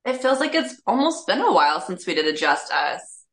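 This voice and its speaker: A woman's voice: medium pitch, very animated, fairly quick, fairly bright tone. A middle-aged woman co-hosting a podcast, chatting in a friendly, agreeable way and laughing easily. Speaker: podcast co-host. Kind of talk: casual chat.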